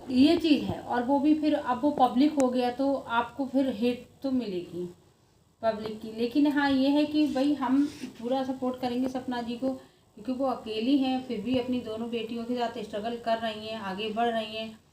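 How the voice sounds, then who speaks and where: A little high and fairly even in intonation, this Indian video blogger's voice has a dark tone and a normal speed. Her informal commentary is earnest and emphatic, often circling back, set in an echoey room with faint background noise.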